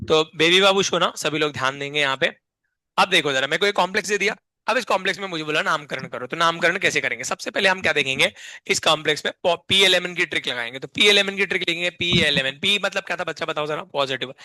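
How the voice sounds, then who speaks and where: A man's voice: high-pitched, bright, forceful tone, no room sound. Guy teaching chem, keeps firing questions at the class, dry close sound. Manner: constantly quizzes the class with repeated questions; drills mnemonics in a playful sing-song. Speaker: chemistry teacher. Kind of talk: classroom lecture.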